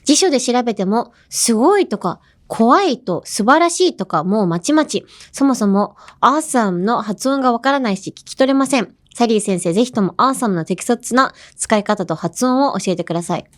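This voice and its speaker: A young woman hosting a language-learning podcast, chatting casually and explaining how words are used with quick examples. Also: on the high side, animated. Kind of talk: casual bilingual lesson chat.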